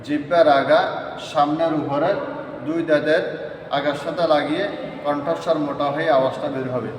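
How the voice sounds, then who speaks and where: A man's voice: fairly high pitch, fairly even intonation, moderate pace, slight background noise. A man teaching Quran letter pronunciation in a lesson. He goes step by step and repeats each letter three times. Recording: echoey hall from far off.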